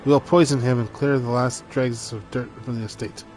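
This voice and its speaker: A man's voice: mid-range voice, steady tone, moderate pace, a little mellow, natural voice. A man voicing a hulking warden officer, formal, grim and nervously deferential, in a game read-aloud. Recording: music behind the voice.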